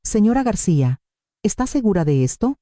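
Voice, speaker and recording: A woman voicing a calm, formal male lawyer in a spoken story, in her own voice. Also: medium pitch, normal speed, no room sound, studio quality, lightly acted.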